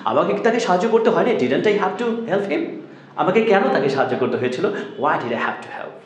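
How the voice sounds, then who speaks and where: A man's voice: sits high, big pitch swings, a little fast. Man teaching English, echoey. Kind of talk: spoken English lesson. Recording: echoey room.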